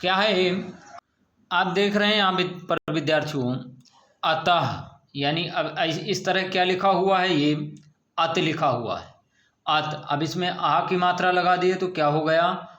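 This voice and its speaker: A man teaching a school grammar lesson, asking questions and answering them himself with slow, drawn-out words. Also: high-pitched, fairly bright tone, reverberant, highs cut off.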